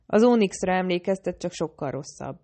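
A woman reading the lines of a gruff, protective young man in an audiobook. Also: lively intonation, warm tone. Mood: grim. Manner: grumbling, low-key.

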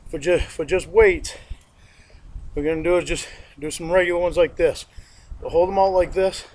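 On a backyard lawn, a middle-aged home fitness instructor demonstrates a workout, sniffling from allergies as a distant camera mic picks him up. He is plain-spoken, repeats himself, and counts reps aloud. His voice is a little high, steady, a little mellow, and moderately paced.

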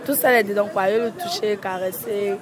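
Young woman answering a street interview, halting short bits, people chattering around. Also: mid-range voice, fairly even intonation. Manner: halting, simple phrasing. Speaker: passer-by interviewee. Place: city street at night. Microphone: interviewer's handheld microphone. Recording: crowd noise on a street.

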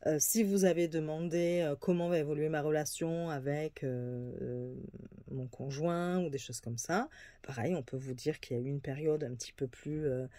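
A woman's voice: deep voice, fairly even intonation, moderate pace, warm tone, no echo. A woman casually presenting an oracle card reading, hesitant, with many fillers and restarts. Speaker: tarot and oracle card reader.

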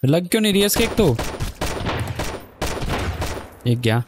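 A young man giving excitable, swearing live commentary while playing a survival shooter. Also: sits high, very fast, background noise. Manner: excitable, swears at enemies, keeps up a running commentary. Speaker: gaming YouTuber. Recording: gunfire from the game behind.

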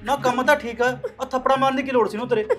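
A man's voice: extremely high pitch, steady tone, racing. A man playing a concerned young son. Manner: questioning, concerned. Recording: music under the dialogue.

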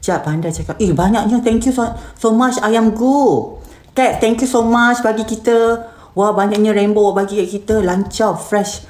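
Hosting a live stream, a Malaysian Malay-accented woman influencer reads viewer comments and gives blunt answers, sprinkling in English words. Her mid-range voice is steady, unhurried and darkish, captured in an echoey, roomy room.

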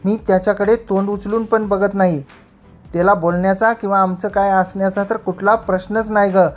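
A woman's voice: mid-range voice, steady tone, fairly quick, soft background music, lightly acted. A woman voicing a frightened young village girl pleading her innocence in rustic speech.

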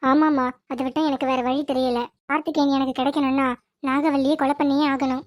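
A woman's voice: high voice, level tone, a little fast, no room sound, studio quality, lightly acted. A woman voicing a desperate, scheming young woman in a cartoon, pleading and insistent. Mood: determined. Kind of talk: cartoon voice acting.

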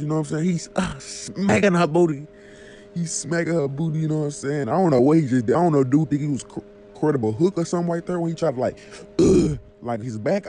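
Man on a pitched-up voice changer. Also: mellow, a little hiss or hum. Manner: loose, rambling, asks viewers if they follow. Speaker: vlogger. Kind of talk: casual gossip chat to camera.

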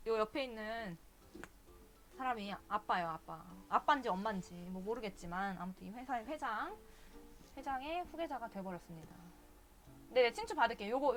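A woman's voice: on the high side, a bit bright. A woman streaming a video game live, chatting casually and cursing at the characters in exasperation.

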